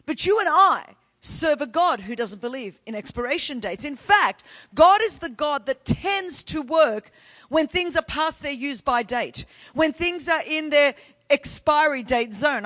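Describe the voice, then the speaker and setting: An Australian woman preaching a sermon to a church congregation, emphatic and building to loud exhortation. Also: high-pitched.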